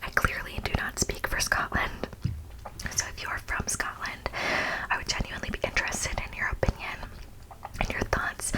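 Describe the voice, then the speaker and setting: A young adult woman hosts ASMR in a breathy, unvoiced whisper, her delivery informal and mock-serious. The recording quality is low.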